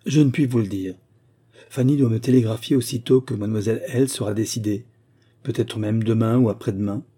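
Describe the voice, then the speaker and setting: A man's voice: on the low side, a little fast, warm tone, breathy edge. A man voicing a wary middle-aged mother in an audiobook, who speaks curtly and then with stiff formality. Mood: guarded. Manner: curt, formal.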